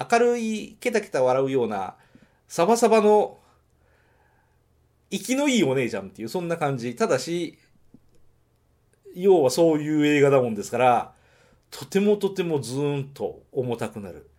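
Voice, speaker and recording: Chatty man with a lively voice. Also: on the high side, normal speed, pauses often. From Nagoya, Japan. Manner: chatty, thinks aloud and corrects himself. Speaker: podcast host reviewing films. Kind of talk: casual solo film review.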